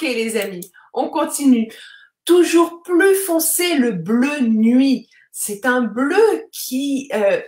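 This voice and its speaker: A woman teaching a live online lesson, her voice pitched a little high and her pace unhurried. She explains patiently, with plenty of fillers and friendly tag questions. The recording has a noticeably roomy echo. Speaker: French teacher. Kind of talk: live-streamed vocabulary lesson, reading viewer comments.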